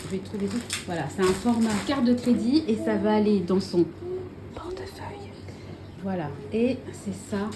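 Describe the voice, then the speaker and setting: A woman's voice: medium pitch, moderate pace, few pauses. Chatty woman vlogging over background noise. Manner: chatty, many fillers and self-corrections. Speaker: vlogger showing purchases. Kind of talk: casual chat to camera. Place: home.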